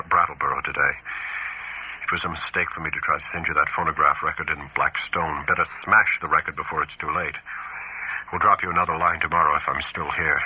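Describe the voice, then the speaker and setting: Man voicing a terrified rural letter-writer, very deep voice, bright tone, halting, horror audiobook. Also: breathy edge, exaggerated voice, poor audio. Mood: frantic. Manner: hurried, haunted, halting. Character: frightened older male farmer writing letters.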